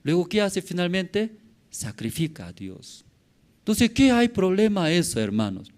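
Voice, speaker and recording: A man preaching a sermon as pastor, with halting phrasing and many questions to the congregation, swinging from loud exclamations to quiet murmurs. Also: high-pitched, big pitch swings. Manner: asks the congregation frequent rhetorical questions.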